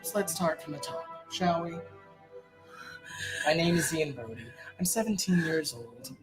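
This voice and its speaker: A man's voice: on the high side, measured pace, lightly acted. A young man playing a gloating, unhinged, fame-obsessed teenage killer in a horror fan film, theatrical and taunting. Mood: smug, menacing. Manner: taunting, theatrical, foul-mouthed. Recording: roomy film sound under loud music.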